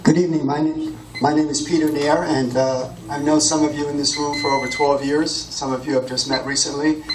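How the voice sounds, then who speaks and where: A man's voice: on the high side, flat delivery, fairly quick, very noisy. Middle-aged guy from austria telling his story at a candidate forum, echoey room, mic far. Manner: storytelling, with fillers. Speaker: political candidate. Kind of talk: campaign speech. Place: meeting room.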